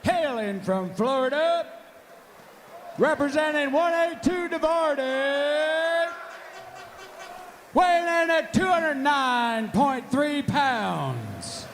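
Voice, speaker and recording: A man working as a ring announcer, shouting fighter introductions in a drawn-out, booming showman style. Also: lively intonation, slight background noise.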